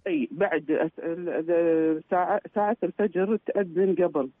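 A woman calling in to a radio show, who tells her story haltingly and stumbles over her words. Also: on the low side, dry recording. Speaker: caller. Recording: dry, tinny phone line.

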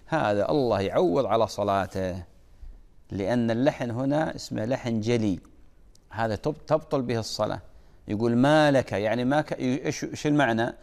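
A man leads a religious lesson, emphatic and corrective as he drills pronunciation. His voice sits at a middle pitch for a man. It rings with the long reverb of a large hall. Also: a little fast, a little mellow. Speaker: preacher.

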